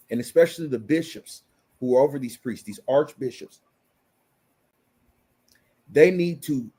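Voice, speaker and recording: A man's voice: on the high side, darkish tone, slightly rough. A man in his thirties delivering an impassioned opinion rant, blunt and profane, repeating phrases for emphasis.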